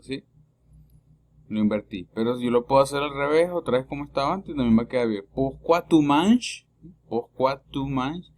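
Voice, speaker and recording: A man giving a recorded French lesson in Spanish, patient, saying words slowly twice and checking with a quick "¿sí?". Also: mid-range voice. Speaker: French teacher.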